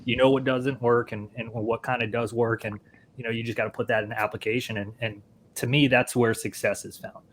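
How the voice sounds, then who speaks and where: A man's voice: medium pitch, level tone, brisk, a little hiss or hum. A man with an American accent, a podcast co-host, talking earnestly about training and often repeating words as he goes. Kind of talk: casual podcast interview.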